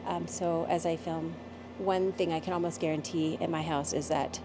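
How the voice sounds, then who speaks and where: A woman's voice: deep voice, fairly even intonation, moderate pace, noisy background. A middle-aged woman from the United States chatting casually through a home vlog, meandering from one thing to the next as she shows her house. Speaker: author vlogging her day.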